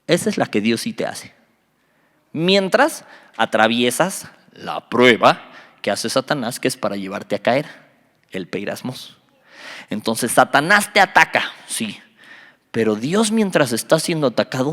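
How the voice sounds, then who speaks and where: A man, a youth pastor teaching a Bible study, animated and joking, quizzing his listeners. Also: mid-range voice. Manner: animated, quizzes the audience, jokes. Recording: reverberant hall.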